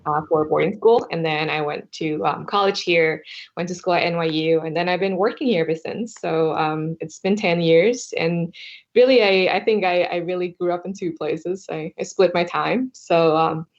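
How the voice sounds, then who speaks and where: A woman's voice: on the low side, normal speed. A young woman from Vietnam, a podcast guest, speaking in a hesitant way with many filler words and restarts. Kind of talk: casual interview chat. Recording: dull lo-fi sound.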